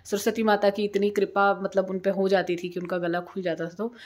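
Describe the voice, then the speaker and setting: A woman's voice: medium pitch, level tone, a little fast. A woman in her thirties chatting casually to camera as a home vlogger, rambling and repeating herself. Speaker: vlogger and single mother. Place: indoors by a sunny window at home.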